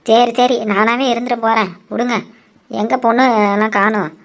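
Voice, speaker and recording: A woman with a fairly high voice plays a brisk, bossy village woman in a cartoon. She talks sharply and briskly, scolding and ordering people about. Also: steady tone. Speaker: cartoon narrator and voice actor. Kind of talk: cartoon voice acting.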